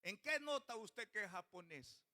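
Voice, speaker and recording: A man's voice: high voice, expressive, a little slow, bright, forceful tone. A male pastor preaching a sermon in church, often putting questions to the congregation.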